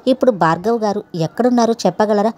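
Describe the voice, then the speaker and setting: A woman's voice: mid-range voice, fast talker, a little mellow, lightly acted. A woman reading the lines of an educated young woman in a storybook, hesitant and probing, in her own voice. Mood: earnest. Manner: hesitant, mixes English phrases.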